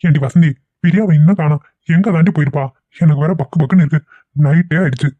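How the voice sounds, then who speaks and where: A man's voice: on the high side, quick pace, no echo, phone-quality sound, natural voice. A man voicing a worried, impatient middle-aged father who scolds his wife, in a cartoon. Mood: worried, scolding. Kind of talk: cartoon voice acting.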